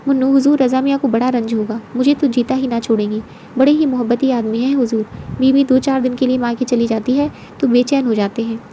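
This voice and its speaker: A woman voicing a flattering, talkative male servant who bows and scrapes to his mistress. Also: on the high side, brisk, slight background noise, lightly acted. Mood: fawning. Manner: obsequious, keeps addressing his mistress as huzoor.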